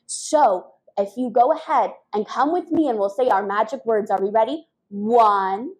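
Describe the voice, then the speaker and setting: A woman's voice: on the high side, measured pace, a little mellow, rough recording. A young woman leading a children's storytime as a librarian, talking in an exaggerated, encouraging sing-song to small children.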